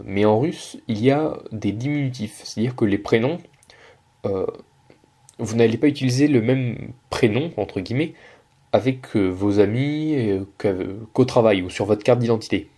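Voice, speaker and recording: Man explaining Russian, dark husky voice. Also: lowish voice, animated, moderate pace. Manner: patient, many hesitations and self-corrections. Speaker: Russian language teacher. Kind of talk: explaining a video lesson.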